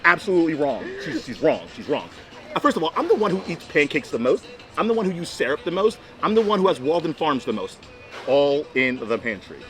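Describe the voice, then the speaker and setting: A man's voice: a little high, wildly swooping pitch, a little fast, soft background music. A man in his twenties in casual couples chat, rambling and emphatic, often repeating himself to press his point. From Florida, United States. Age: 20s. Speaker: boyfriend in couples Q&A vlog.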